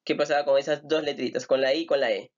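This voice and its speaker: A man's voice: mid-range voice, fairly even intonation, fast, muffled recording. A man teaching an English grammar lesson, patiently repeating words and asking rhetorical questions. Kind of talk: recorded online grammar lesson.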